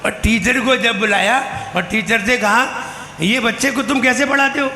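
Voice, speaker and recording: A high, bright male voice delivers a lively storytelling sermon, acting out little scenes as he goes. He sounds like a monk addressing a gathering, his words ringing through a long, reverberant temple hall with a faint hum of ambience behind. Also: normal speed. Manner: animated storytelling, mimicking children's lisps. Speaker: Jain monk preacher.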